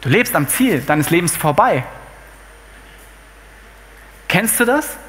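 High, lively German preacher in a hall. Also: male voice, slow, slight background noise. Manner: animated storytelling preacher, casual asides. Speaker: pastor. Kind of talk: sermon. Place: church hall. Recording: hall reverb, faint ambience.

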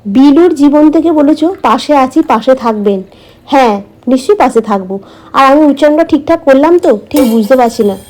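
A woman's voice: high voice, animated, fairly quick, darkish tone, a little hiss or hum. A woman chatting casually to her viewers as a vlogger, explaining her daily routine, with a slight cold in her throat.

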